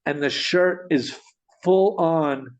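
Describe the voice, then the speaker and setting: A man's voice: fairly high pitch, slow pace. Guy telling a story, lots of restarts n little laughs, kinda dull lo-fi sound. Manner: animated, with restarts and chuckles. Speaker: guest storyteller. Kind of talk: conversational anecdote telling.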